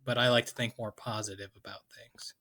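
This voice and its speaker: A man's voice: on the low side, flat delivery, fairly quick, pushed and bright. A man teaching a math lesson in a casual, playful way with joking asides. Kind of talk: casual lecture.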